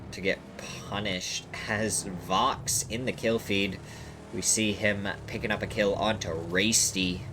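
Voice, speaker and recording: A man with a fairly low, stuffed-up voice, as if his nose is blocked, calls an esports match live. He is an excitable play-by-play commentator who follows the action closely. There is clear noise behind him. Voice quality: congested, blocked-nose sound. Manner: excitable, voice leaps high and loud at big moments.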